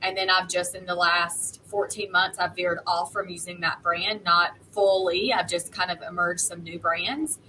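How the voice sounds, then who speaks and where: A woman's voice: lowish voice, flat delivery, normal speed, few pauses, pushed and bright, a little hiss or hum, rough recording. A woman talking frankly and matter-of-factly in a casual group discussion. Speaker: online content creator and panelist.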